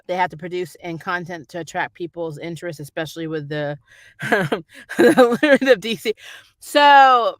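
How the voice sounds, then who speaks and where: A YouTube reviewer reads viewer comments and answers them, rambling off the cuff with strong opinions like a fan doing a review. The voice is medium-pitched, bright and forceful, in a dry recording.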